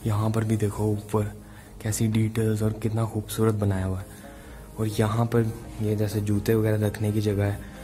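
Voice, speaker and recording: Man from pakistan, walking tour vlog, low voice, even tone, music playing behind. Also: moderate pace. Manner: casual, mixing in English phrases. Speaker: vlogger. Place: inside a large mosque.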